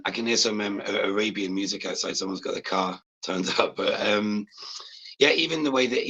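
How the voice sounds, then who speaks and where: A man in his forties with a raspy smoker's voice, chatting casually and matily as a guest caller. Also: on the low side, bright, forceful tone, poor audio. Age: 40s. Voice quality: smoker's rasp. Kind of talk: casual chat.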